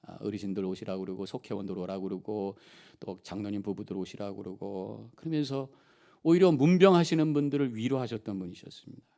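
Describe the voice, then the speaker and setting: A middle-aged male pastor preaching a sermon, impassioned, rising loud on key phrases and dropping soft in between. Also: on the low side, quick pace, vocal fry.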